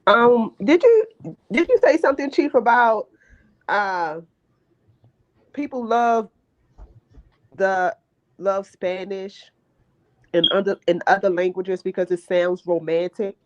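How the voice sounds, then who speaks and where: A woman's voice: medium pitch, slow, long pauses, dull audio. A woman on a talk show panel, asking questions and agreeing in a chatty, casual way. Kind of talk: casual chat.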